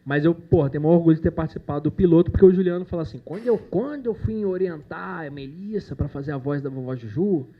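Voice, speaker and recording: A man's voice: fairly high pitch, lively intonation, fast, hardly any pauses, muffled recording. A man who produces animation, giving a casual, joking talk to university students, full of slang and the odd curse. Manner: chatty, jokey, with slang and swearing. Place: university lecture room.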